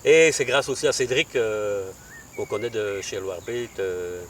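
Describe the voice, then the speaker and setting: Outdoors at the lakeside, an angler competitor speaking with a Belgian French accent is interviewed casually and hesitates often, filling gaps. His voice is fairly low and a little slow, recorded from a distance with crickets and countryside sounds in the background.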